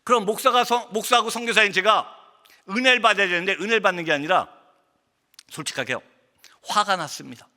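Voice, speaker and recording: Male missionary preacher, high ringing bright voice, passionate storyteller, church hall echo. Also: fast, pauses often. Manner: impassioned storytelling, acts out his own angry outbursts. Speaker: missionary pastor. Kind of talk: sermon testimony. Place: church sanctuary. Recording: long church hall reverb.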